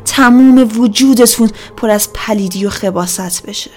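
A woman voicing a domineering woman cult leader who poses as a goddess, loud and preaching. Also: mid-range voice, close to an everyday voice. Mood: menacing.

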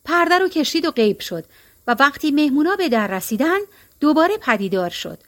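A woman reading a story aloud as narrator, calm and even. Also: sits high.

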